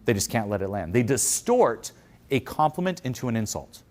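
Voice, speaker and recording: At a moderate pace and mid-range pitch, a man delivers a lively motivational talk at a conference, coaching listeners. He keeps slipping into the inner voices of the people he describes.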